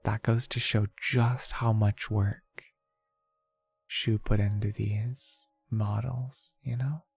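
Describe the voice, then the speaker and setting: A playful, goofy livestreamer chats casually to viewers. The voice is creaky and soft-edged rather than bright, and the delivery is slow, with silly little exclamations. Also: medium pitch, level tone, no room sound, faint music behind. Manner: playful, goofy, with sing-song nonsense exclamations.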